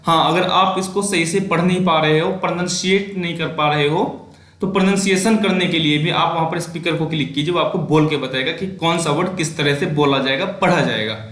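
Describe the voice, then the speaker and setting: A man's voice: fairly high pitch, fairly bright tone. Indian man teaching English in an echoey room. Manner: repeats "ठीक है ना" often, reads English examples slowly. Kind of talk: casual classroom explanation.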